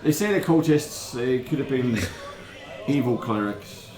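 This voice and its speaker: A man's voice: mid-range voice, lively intonation, unhurried, a crowd in the background, lightly acted. A man voicing a cautious sea captain for hire in a tabletop game, with a Cockney accent and a colloquial, hesitant manner. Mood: recounting rumours. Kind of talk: improvised tabletop role-play. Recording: roomy echo, music underneath.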